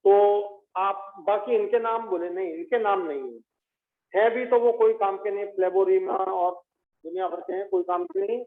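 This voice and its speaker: A man teaching chemistry, repeating each element name slowly so students memorize it. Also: sits high. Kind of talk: classroom lecture. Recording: tinny phone-like audio.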